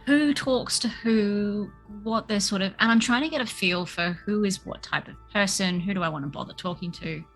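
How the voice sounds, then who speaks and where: A woman's voice: medium pitch, moderate pace, few pauses, faint music behind, low-quality recording. A young woman playing a tabletop game, describing her character thoughtfully. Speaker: player. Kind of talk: casual tabletop role-play.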